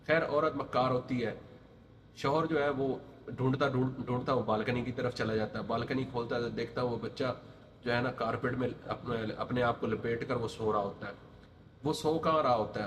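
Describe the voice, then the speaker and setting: A man telling a sad family story in a loose, rambling way, with many fillers and restarts. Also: mid-range voice. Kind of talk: casual spoken storytelling. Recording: roomy echo with faint ambient noise.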